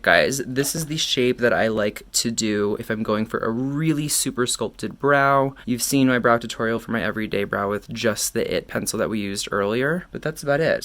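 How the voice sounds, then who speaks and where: A man's voice: medium pitch, fairly bright tone. A man giving a casual makeup tutorial while tipsy from wine, candid and cheeky, rambling and correcting himself as he goes. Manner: rambling, self-correcting, loses train of thought. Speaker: makeup reviewer.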